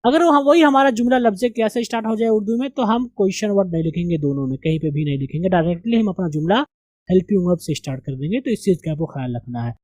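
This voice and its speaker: A man teaching English as a classroom lesson, slowly and deliberately drilling the pronunciation of words. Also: high voice, expressive, darkish tone, dry recording.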